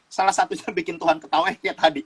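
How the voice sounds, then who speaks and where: A man's voice: high voice, little pitch movement, racing, vocal fry, slightly rough, poor audio. A man from Sumatra teaching in a casual talk show, explaining like a preacher, repeating phrases and laughing as he goes. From Sumatra, Indonesia. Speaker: guest youth speaker.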